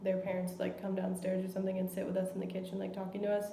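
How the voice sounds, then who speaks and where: A woman's voice: mid-range voice, monotone, racing, mellow, a little hiss or hum. A young woman answering interview questions casually, filling her speech with "like". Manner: casual, lots of 'like'. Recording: echoey room.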